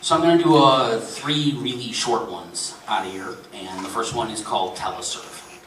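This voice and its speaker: A man's voice: fairly low pitch, moderate pace, roomy sound, distant mic, background noise. A man, an author, casually introducing the stories he is about to read at a convention. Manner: offhand, with fillers. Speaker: author reading his stories. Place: convention reading room.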